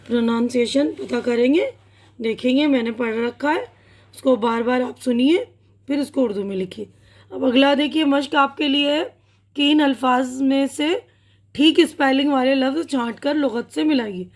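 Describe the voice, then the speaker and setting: This high-pitched, slightly dark-toned woman speaks with a Pakistani Urdu accent while going over English vocabulary and pronunciation. She's patient, slowly repeating words from her lists, and pauses to check on students with "theek hai na".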